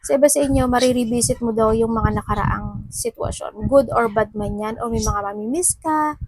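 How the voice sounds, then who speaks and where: A woman's voice: fairly high pitch, moderate pace, darkish tone, a little hiss or hum, rough recording. A woman giving a casual tarot reading, chatty and full of asides and fillers. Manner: chatty, mixing Tagalog and English, with frequent fillers and asides. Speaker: tarot reader.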